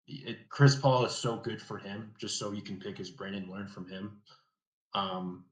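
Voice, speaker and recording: A man co-hosting a basketball podcast, rambling with many fillers and trailing off softly. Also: fairly low pitch, reverberant. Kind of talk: casual sports chat.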